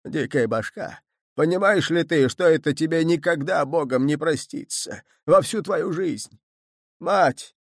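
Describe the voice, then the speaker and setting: A man voicing a stern, sarcastic old grandfather who scolds in a shrill, raised voice, in an audiobook reading. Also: measured pace, no echo, studio quality.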